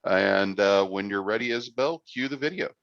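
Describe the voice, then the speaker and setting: A man presenting a virtual program segment, brisk and directive. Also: fairly low pitch, gravelly, a bit bright, no echo. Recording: dry, dull lo-fi sound.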